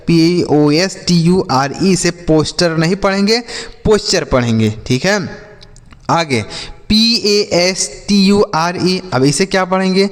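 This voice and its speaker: High-voiced male teacher, echoing hall. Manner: spells letters slowly, then asks and answers his own questions. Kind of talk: spelling and reading lesson for children.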